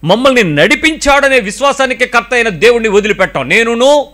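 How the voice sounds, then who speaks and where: A middle-aged male pastor preaching a sermon, animated and full of rhetorical questions, now and then slipping in English phrases. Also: very high-pitched, fairly quick.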